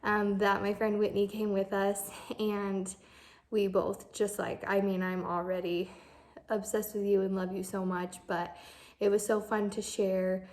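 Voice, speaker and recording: Flat-voiced young woman with many fillers. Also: medium pitch, measured pace. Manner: heartfelt, rambling with many fillers. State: emotional, close to tears. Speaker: granddaughter. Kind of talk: birthday video message.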